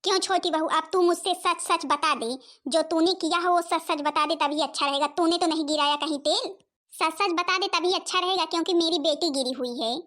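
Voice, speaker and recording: A woman's voice: very high voice, steady tone, a little fast, a bit bright. Woman voicing a stern scheming old mother-in-law. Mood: threatening. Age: older. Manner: stern, threatening, wailing. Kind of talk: cartoon voice acting.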